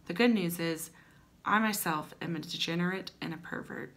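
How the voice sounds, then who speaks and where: A young adult woman hosts a comedic dramatic reading from a small room at home, breaking in with chatty asides in a playful, wry style and adding theatrical emphasis. Her voice is fairly low with some vocal fry, and she speaks at a moderate pace.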